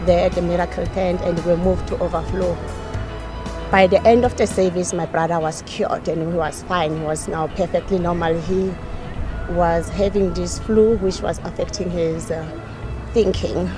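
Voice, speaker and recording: South african woman, fervent testimony, clear music behind. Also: fairly low pitch. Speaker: church visitor giving testimony. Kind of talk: testimony interview.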